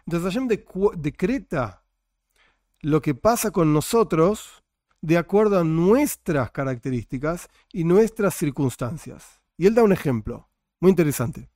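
A man's voice: a little high, expressive, measured pace, a little mellow, no echo, studio quality. A man teaching a religion class, full of rhetorical questions and jokey asides. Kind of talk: classroom lecture.

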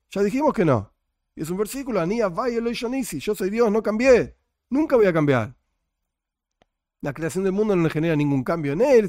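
A man's voice: sits high, a little mellow, dry recording, clean studio sound. A man teaching a religion class, full of rhetorical questions and jokey asides. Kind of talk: classroom lecture.

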